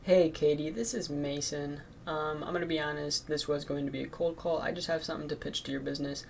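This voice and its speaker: Gravelly-voiced teenage guy cold calling. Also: fairly high pitch, fairly even intonation, fairly quick, slight background noise. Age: teens. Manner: nervous, lots of fillers like "um" and "like". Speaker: marketing agency owner cold calling. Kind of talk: recorded cold calls and casual commentary.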